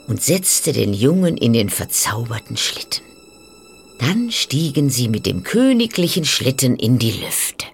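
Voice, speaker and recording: A woman reads a fairy tale aloud in a low voice with a lively, rising and falling pitch. She takes her time, and soft music plays faintly behind her. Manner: slow, dramatic storytelling, addressing the listener. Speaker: storyteller. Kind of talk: scripted fairy-tale narration.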